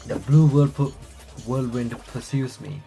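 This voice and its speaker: A let's-play creator reads a visual novel aloud, stumbling, rereading phrases, and tossing in casual reactions. His voice is medium-pitched, gravelly, and dark. The game's visual novel soundtrack plays behind him.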